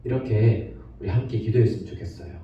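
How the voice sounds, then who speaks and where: A man giving a gentle sermon to children, acting out the quoted lines as he tells the story. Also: on the low side, fast talker, slight background noise. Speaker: children's pastor. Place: church for online service. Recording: echoey room, distant dull mic.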